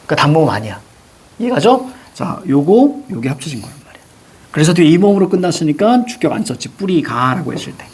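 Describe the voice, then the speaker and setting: A male teacher giving a classroom lecture on Korean grammar, animated and constantly checking that students follow. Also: on the high side, fast talker, husky.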